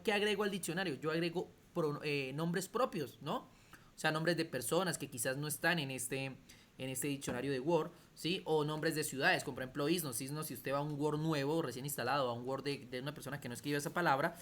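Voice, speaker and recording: A man's voice: a little high, fairly quick, fairly bright tone. A man teaching a computer class over a video call, explaining step by step and often checking that students follow. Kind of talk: online class lecture.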